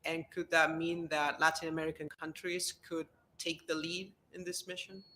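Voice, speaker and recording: A man, a journalist, briskly asking a follow-up question at a press conference. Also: a little high, flat delivery, bright, forceful tone, slight background noise.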